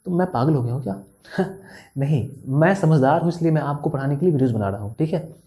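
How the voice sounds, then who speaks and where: Tired, soft-spoken Indian maths tutor, mellow. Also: male voice, a little high, lively intonation. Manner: chatty, teasing, talks straight to students, reads problem text aloud slowly. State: tired, speaking softly after a full day of recording. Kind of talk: casual classroom explanation while writing on a board.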